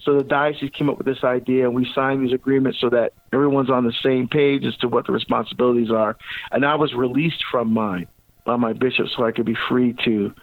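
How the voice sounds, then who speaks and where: A man's voice: mid-range voice, fairly quick, no echo. Middle-aged male deacon from Barbados, casual guest, easy chuckles, tinny phone line. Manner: relaxed, chuckling often, many fillers. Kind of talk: casual interview talk.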